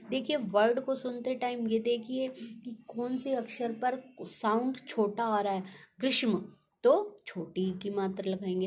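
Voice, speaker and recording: Slow, deliberate woman teacher. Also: on the high side. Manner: slow, deliberate, sounding out letters one by one; asks the class questions. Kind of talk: classroom lesson on spelling.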